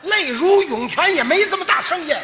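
A man plays the straight man in a crosstalk act. His voice sits very high and moves in a lively way. Quick, exasperated retorts ring out in an echoey room. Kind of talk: xiangsheng crosstalk performance. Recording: echoey hall, reverberant stage recording.

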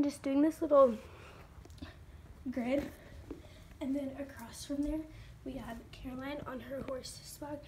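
A high-pitched woman casually shows her toy horse barn, rattling off items in a chatty manner and at times going quiet or whispering. She holds the phone camera herself, staying out of view, in a carpeted room at home; there's slight background noise.

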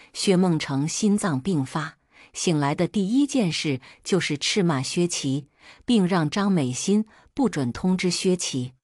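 A woman narrating a family drama story in a calm, steady reading style. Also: lowish voice, dry recording, clean studio sound.

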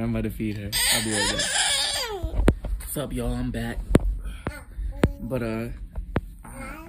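A young man vlogging at home early in the morning, talking in a hushed, rambling, slangy way about spiritual ideas. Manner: rambling, hushed and low-key, with slangy asides. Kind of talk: casual spiritual monologue to camera. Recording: loud background noise.

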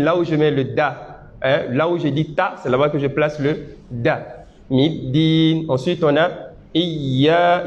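Male teacher, patient, checks in with listeners, fairly high voice, dull recording. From Côte d'Ivoire. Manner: explains patiently, checks with the audience, demonstrates Arabic sounds slowly. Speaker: Islamic teacher. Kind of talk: religious teaching and Quran recitation lesson. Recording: dull lo-fi seminar recording with faint noise.

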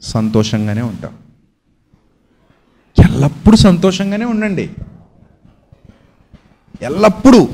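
A man preaching a sermon, asking his listeners questions and answering them himself with homely everyday examples. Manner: swings between a low, quiet voice and raised, drawn-out emphatic lines.

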